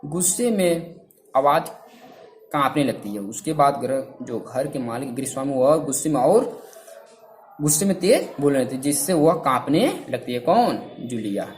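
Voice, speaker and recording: A man's voice: mid-range voice, very animated, normal speed, a little hiss or hum. A man teaching a class who reads a story aloud and keeps repeating lines and asking questions about them. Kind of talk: reading and explaining a story to a class.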